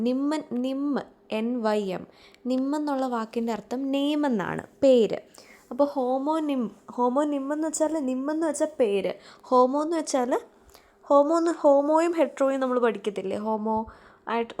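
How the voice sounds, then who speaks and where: A woman's voice: high voice, a little mellow. A woman with a Malayali accent teaching an exam-prep lesson, explaining step by step and often checking in with her listeners.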